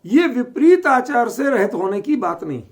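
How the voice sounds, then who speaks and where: A man's voice: very high voice, big pitch swings, normal speed. A man teaching a scripture lesson, often asking his listeners whether they follow the point. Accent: Delhi Hindi. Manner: questioning, keeps checking understanding.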